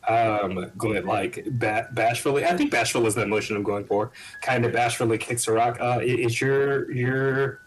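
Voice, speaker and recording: A man's voice: medium pitch, moderate pace, few pauses, low-quality recording. Hesitant man playing a tabletop game. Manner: hesitant, full of ums and restarts. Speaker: player. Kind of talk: casual tabletop play. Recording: faint background music.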